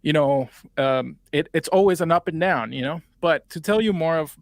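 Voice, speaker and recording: This guest is a man in his twenties from Puerto Rico who speaks with a Spanish accent and a gravelly, slightly high voice. He tells his story at a moderate pace, wandering and filling gaps with fillers during a relaxed interview. The studio recording is dry and clean.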